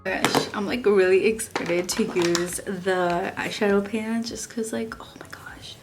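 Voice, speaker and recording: A woman's voice: medium pitch, fairly even intonation, unhurried, over music. A young woman from Texas, chatting casually through a makeup review and rambling with lots of likes and restarts. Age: young adult. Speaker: beauty vlogger.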